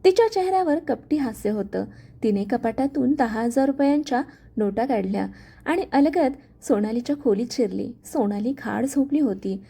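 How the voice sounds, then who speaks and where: A woman's voice: on the high side, expressive, normal speed, creaky, warm tone, breathy edge. A woman narrating a scripted family drama story in a dramatic storytelling manner.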